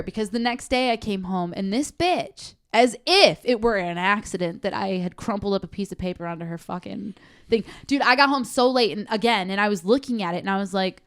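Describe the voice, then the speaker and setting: A young woman co-hosting a podcast, telling a story in a heated, profane, casual way. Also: medium pitch. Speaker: podcast co-host. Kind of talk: casual chat.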